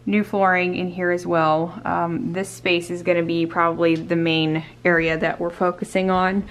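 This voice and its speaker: A woman's voice: lowish voice, fairly bright tone. Chatty woman in an echoey empty room. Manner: chatty, upbeat, loose with fillers. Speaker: home renovation vlogger. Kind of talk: casual walkthrough narration. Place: empty condo, indoors.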